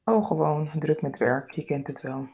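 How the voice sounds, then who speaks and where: A young woman, guarded but warming up, talks in an easy, casual way. Her voice sits low and husky with some gravel in it, as a woman narrator reads her lines. The tone is dark and mellow. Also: moderate pace.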